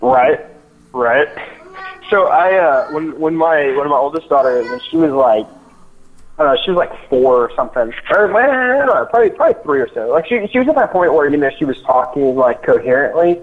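A man's voice: on the high side, big pitch swings, fairly quick. A young man and father, chatting casually on a podcast in a laid-back way, full of "dude" and "like". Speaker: podcast co-host. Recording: dull lo-fi sound.

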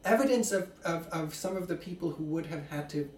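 A podcast co-host asking questions in an inquisitive, halting way, with many restarts. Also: mid-range voice, recorded from a distance, a little hiss or hum. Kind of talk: casual podcast discussion. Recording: echoey room, voice set back from mic.

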